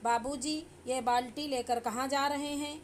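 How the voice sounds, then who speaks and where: A kind, dutiful daughter-in-law, voiced by a woman storyteller, gentle and earnest in a storybook reading. Her voice is a little high and evenly set. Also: fairly even intonation, normal speed, a little hiss or hum, lightly acted.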